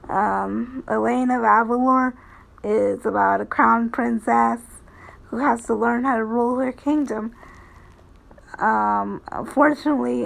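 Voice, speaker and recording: Slow, creaky-voiced woman chatting hesitantly. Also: on the high side, poor audio. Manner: halting, hesitant, trailing phrases. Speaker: VTuber streamer. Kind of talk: casual rambling commentary on cartoons.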